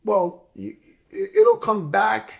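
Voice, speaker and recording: A man's voice: high voice, wildly swooping pitch, takes it slowly, gravelly. A man in casual chat on a barbershop show, insistently repeating warnings and swearing freely. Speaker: regular on a barbershop talk show.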